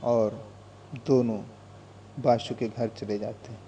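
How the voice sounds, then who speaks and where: A man narrating a story in a calm, gentle, reflective way. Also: medium pitch, takes it slowly, dull audio, slight background noise.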